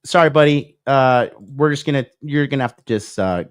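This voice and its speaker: Speaking at a moderate pace in a mid-range voice, this man is a dating coach in his thirties lecturing at a whiteboard during a livestream. He reads viewer comments aloud and responds, often adding "okay?" and "right?". The sound is clean studio audio with no echo.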